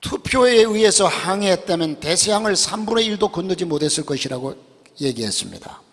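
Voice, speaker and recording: A man preaching a sermon as a pastor in a church sanctuary, swinging between loud emphatic rises and quiet asides. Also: high-pitched. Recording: long church hall reverb.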